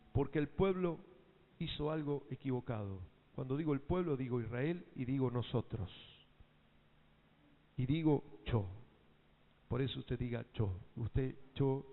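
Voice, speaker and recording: A man with an Argentine accent preaching a sermon to his congregation, asking them questions and having them repeat lines back. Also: mid-range voice. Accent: Argentine Spanish. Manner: emphatic call-and-response preaching. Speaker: pastor. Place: church hall. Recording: tinny phone-like sound in a reverberant hall.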